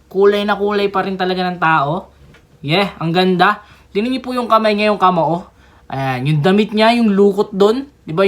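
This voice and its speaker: A young woman talks through a toy unboxing in a casual, chatty way. She keeps breaking into excited exclamations and small giggles. Her voice sits at an ordinary middle pitch for a woman. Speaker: toy reviewer.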